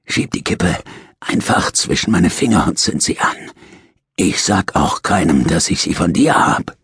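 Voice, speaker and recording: A man voicing a dying, bitter old male prisoner, with a hoarse, rasping voice and drawn-out, wheedling speech. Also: low voice, animated, a bit bright, a little hiss or hum, full character voice. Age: older.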